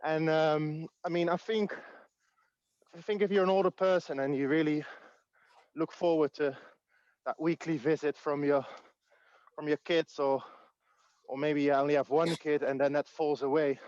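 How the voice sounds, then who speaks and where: A man's voice: on the high side, steady tone, normal speed, long pauses, a little mellow, no room sound, lo-fi sound. A man talking thoughtfully in a casual group discussion while out of breath from climbing a hill, hesitating often with ums. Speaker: community group participant.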